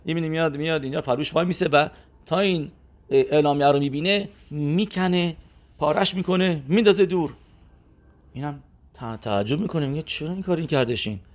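Chatty male religious teacher. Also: fairly high pitch. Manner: conversational, many fillers and restarts, acts out quotes. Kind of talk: religious class with a told anecdote.

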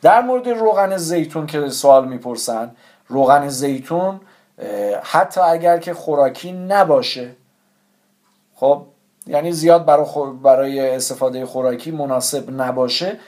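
Man, somewhat high-voiced, teaching a religious lesson in a careful, instructive way. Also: animated, warm tone. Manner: careful, explanatory, stresses correct pronunciation.

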